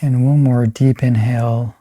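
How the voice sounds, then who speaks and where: A guided meditation is led by a man whose medium-pitched voice is soft and breathy. His delivery is calm and soothing, with pauses separating the phrases.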